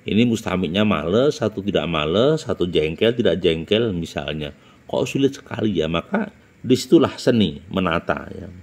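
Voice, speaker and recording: Pria berlogat Jawa, suara agak rendah dan sangat ekspresif, gaya guru yang memberi tips berbicara di depan umum. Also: male voice, animated, moderate pace, darkish tone. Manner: emphatic, jumps up in pitch to announce each numbered point; rhetorical questions, frequent "nah" and "ya". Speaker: public speaking teacher. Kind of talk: instructional talk.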